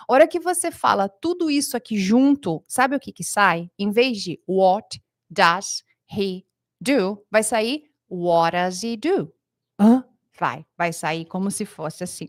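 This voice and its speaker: A woman from Brazil teaching an English lesson online, chatty and energetic, talking to viewers as she shares her screen. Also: a little high, no echo, studio quality. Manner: chatty, energetic, reads out chat messages.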